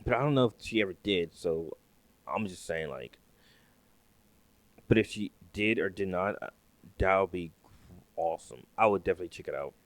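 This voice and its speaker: A man's voice: deep voice, expressive, normal speed, long pauses, no echo. A man hosting a reaction video, talking casually and hesitantly, often repeating himself.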